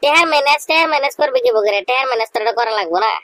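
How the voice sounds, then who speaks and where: In a dry recording, a man plays a comic cartoon's pushy, scheming village bachelor, his voice pitched up and his accent rural regional Bengali. He talks rapid-fire in a sharp tone, colloquially badgering and urging someone on.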